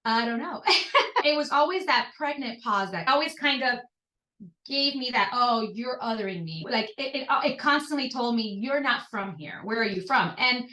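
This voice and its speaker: A woman's voice: on the high side, animated, normal speed, sharp tone, reverberant, recorded from a distance, poor audio. A woman in her thirties from Venezuela with a Venezuelan Spanish accent, telling her personal story earnestly as a podcast guest. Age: 30s.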